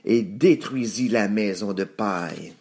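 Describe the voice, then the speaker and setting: A man narrating a children's story aloud in an expressive read-aloud manner. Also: fairly low pitch, unhurried, noisy background.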